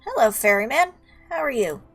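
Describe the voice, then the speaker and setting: A woman's voice: fairly high pitch, very animated, moderate pace, a bit bright, soft background music. A woman giving casual let's play commentary, with wry, playful banter at the game's characters. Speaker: video game player commentating.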